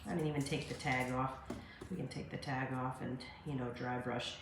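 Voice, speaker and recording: Speaking at a moderate pace in a deep voice with fairly even intonation, a slightly congested forties-aged woman walks viewers through a friendly craft how-to, filled with asides and fillers. She's filmed on a stand-mounted phone at her home kitchen counter, where the room echoes and faint ambient noise is present.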